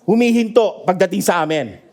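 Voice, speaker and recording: A man preaching a sermon in a lively storytelling manner, often asking his congregation for an amen and laughing at his own stories. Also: high-pitched, a little fast. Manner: asks the congregation for agreement. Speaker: pastor. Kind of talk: sermon mixing Tagalog and English. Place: church.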